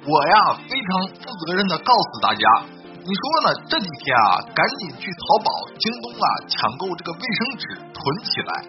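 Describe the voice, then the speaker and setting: A man with a slightly high, very animated voice, rambling through comic anecdotes and often breaking into loud laughter at his own jokes. The sound is dull and lo-fi, with loud music playing behind him. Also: a little fast. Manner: keeps checking in with the listener. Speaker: joke-telling host. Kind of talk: casual comedic storytelling monologue.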